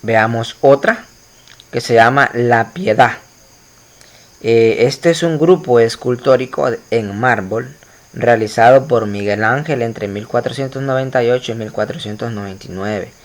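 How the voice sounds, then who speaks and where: A teacher with an ordinary middle-pitched voice lectures his students through a slide presentation, unhurried and patient. He stops for fillers, corrects himself as he goes, and speaks directly to the class.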